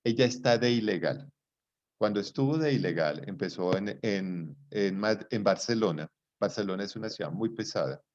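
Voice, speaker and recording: A male psychology lecturer teaches a live class conversationally, often using rhetorical questions to check whether students follow. His voice is fairly low with lively intonation at a moderate pace, captured in a dull lo-fi recording.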